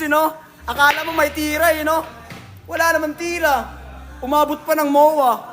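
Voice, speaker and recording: A man with a Filipino accent and a very high-pitched, slightly bright voice hosts a casual livestream from a billiards hall. He reads viewer comments aloud, joking and teasing, and laughs often.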